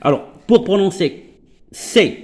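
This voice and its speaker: A man with a Moroccan Arabic accent teaching French pronunciation. He explains patiently, often checks that listeners follow, and says example words slowly. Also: sits high, animated. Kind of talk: classroom-style lesson explanation.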